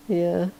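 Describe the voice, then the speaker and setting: A woman chatting casually on a livestream while drawing, hoarse and sleepy, rambling and chuckling often. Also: on the low side, muffled recording. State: hoarse, losing her voice. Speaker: livestreaming digital artist.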